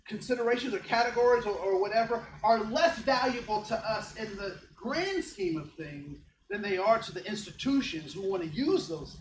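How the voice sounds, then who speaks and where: A man in his fifties from Ohio, giving an interactive, joking workshop talk to a live audience and often checking in with them. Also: high-pitched. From Ohio, United States. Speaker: diversity trainer. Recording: echoey room, faint background hum.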